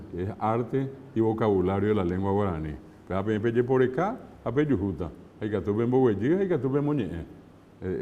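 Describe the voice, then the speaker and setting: A man from Paraguay giving an unhurried online lecture as a language teacher, often slipping in Guaraní phrases and checking in with "¿verdad?". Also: lowish voice, warm tone, long reverb tail, lo-fi sound, a little hiss or hum. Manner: unhurried, lists places, mixes in Guaraní phrases, asks "¿verdad?".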